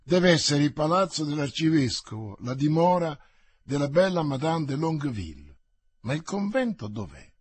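A man's voice: on the high side, very animated, moderate pace, husky, no room sound. A man doing a defiant swordsman. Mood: wry. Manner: defiant, mocking, boastful. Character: bold quick-tempered Gascon swordsman, adult man.

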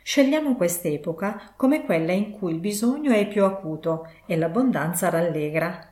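A woman voicing a polite, formal gentleman collecting for charity in an audiobook, measured and courteous. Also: lowish voice, expressive, natural voice. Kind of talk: audiobook reading. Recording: roomy echo.

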